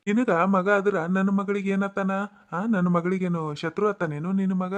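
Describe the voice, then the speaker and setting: A man voices a stern middle-aged father in a cartoon, lecturing reproachfully with a North Karnataka Kannada accent. His voice sits high for a man, with a firm, scolding push. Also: steady tone, moderate pace, lightly acted. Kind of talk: cartoon voice acting.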